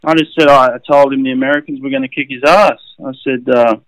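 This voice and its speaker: Australian man, middle-aged, swim coach, casual storytelling, mid-pitched voice, dry close sound. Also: fast talker, dry recording, poor audio. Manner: animated anecdotes with frequent restarts and "uh"s. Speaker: swimming coach and former swimmer.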